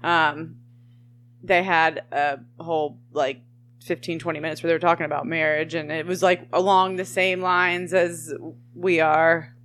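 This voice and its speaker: A woman's voice: low-pitched, fairly even intonation, unhurried, a bit bright, slight background noise. A woman co-hosting a podcast, chatting casually in a rambling way with trailing starts. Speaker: podcast co-host. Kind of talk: casual chat.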